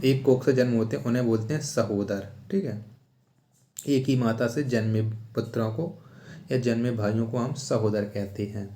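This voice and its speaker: This man's mid-range voice has a warm tone. Leading an exam Q&A lesson step by step, he announces each question and answer, repeats points, and asks one rhetorical question after another, all in an echoey room.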